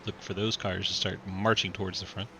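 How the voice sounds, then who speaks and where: A man's voice: deep voice, flat delivery, fairly quick, creaky, bright, forceful tone, slight background noise. A man doing play-by-play commentary for an online sim race, calling positions and laughing often.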